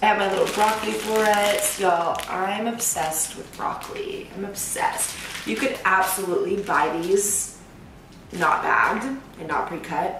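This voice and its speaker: A woman in her twenties chatting upbeat through a grocery haul vlog in her home kitchen, filmed from a few feet away. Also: fairly low pitch. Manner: chatty, upbeat, says y'all. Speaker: lifestyle vlogger. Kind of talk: casual vlog chat. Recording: echoey room, mic at a distance, noisy.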